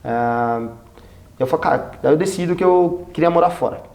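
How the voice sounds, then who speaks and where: Brazilian guy, podcast guest, slangy and animated, acts out dialogue, slightly high voice. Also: moderate pace. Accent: Brazilian Portuguese. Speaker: guest, company executive. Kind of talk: casual storytelling interview.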